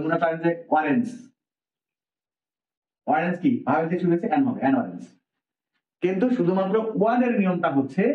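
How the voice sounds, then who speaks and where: A man from Bangladesh teaching an English grammar lesson, explaining step by step and asking his listeners questions. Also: on the high side. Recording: echoey room, dull lo-fi sound.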